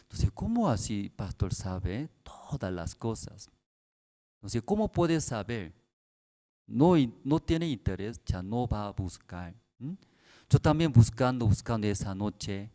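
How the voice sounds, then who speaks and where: Slow, soft-spoken pastor with low voice. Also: male voice, big pitch swings. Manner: simple broken Spanish with many tag questions; speaks softly and slowly to the congregation. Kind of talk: sermon at a prayer service.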